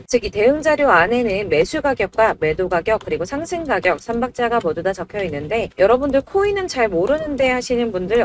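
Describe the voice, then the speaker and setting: A woman hosting a crypto channel, reading a scripted promotional narration in a brisk, salesy pitch to subscribers.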